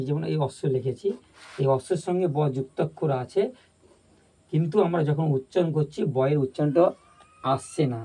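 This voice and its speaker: A man's voice: fairly high pitch, dark tone, breathy edge, poor audio. A man teaching a grammar video lesson, explaining step by step, repeating his points and asking if everyone has understood. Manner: checks that viewers understand.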